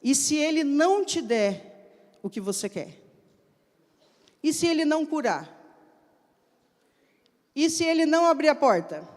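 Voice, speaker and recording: A woman preacher delivers a sermon in a slow, emphatic storytelling manner. She acts out the conversations from her testimony as she goes. Her voice carries a long reverb, as if recorded in a large church hall. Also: sits high, big pitch swings, darkish tone. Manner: acts out dialogue in her stories.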